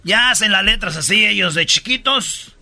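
A man, an animated comedian telling a bit with lots of slang. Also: high voice, moderate pace, vocal fry. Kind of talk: comedy sketch chat.

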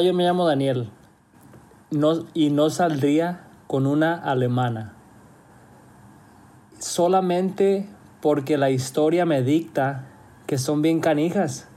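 A man's voice: on the high side, dark tone. A man calling in to a show, telling a joking story in slangy talk. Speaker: caller. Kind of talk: casual storytelling.

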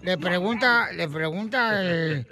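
A man's voice: sits high, slow pace, pushed and bright. A man co-hosting a morning radio show, joking and telling jokes in put-on voices. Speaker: radio co-host.

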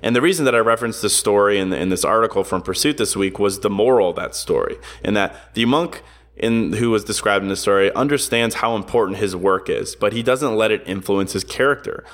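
A man's voice: lowish voice, brisk, a bit bright. A man hosting a podcast, talking earnestly and conversationally in a reflective motivational monologue, often adding "you know" and "right". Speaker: podcast host.

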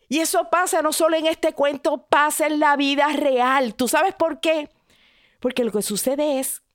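A woman storyteller who slows down for drama and speaks straight to her listener with advice. Her voice sits somewhat high, and the recording is dry and close. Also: dry recording. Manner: expressive, addresses listener directly.

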